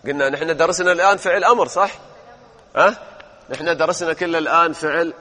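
A man's voice: on the high side, fast talker, pushed and bright, big-room sound. A male grammar teacher, drilling verb forms and quizzing his students in a classroom lesson.

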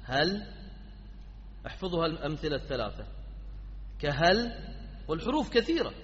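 A man's voice: on the high side, very animated, moderate pace, a bit bright. A man teaching an Arabic grammar class, quizzing his students and prompting them with repeated questions. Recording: dull lo-fi sound in a reverberant hall.

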